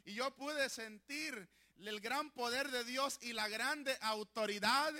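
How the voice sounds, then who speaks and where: A middle-aged man pastor preaching a fiery sermon that swells into shouted declarations. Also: extremely high pitch, slow pace.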